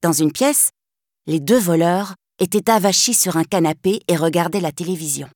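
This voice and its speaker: A woman's voice: on the low side, normal speed, darkish tone, no echo, studio quality. French woman reading a storybook. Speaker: narrator.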